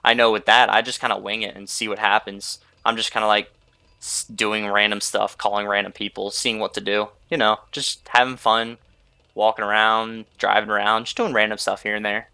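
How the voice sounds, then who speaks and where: A man's voice: on the low side, flat delivery, normal speed, creaky, sharp tone, clean tone, no echo. A young man hosting a gaming video, rambling casually over his gameplay and filling gaps with "like" and "you know". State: sleepy, yawning. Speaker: gaming channel host.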